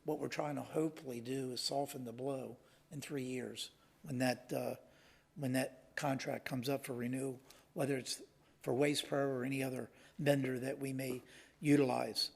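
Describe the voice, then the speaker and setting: A male council member explains things at a public meeting. His voice is gravelly and rough-edged, and he speaks in a measured way with frequent hesitations. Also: medium pitch, level tone.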